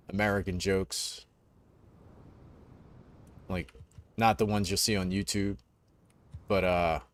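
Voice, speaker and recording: Laid-back low-voiced young gaming streamer. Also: male voice. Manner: laid-back, rambling, peppered with dude and man. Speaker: game streamer. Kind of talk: casual gaming chat and storytelling.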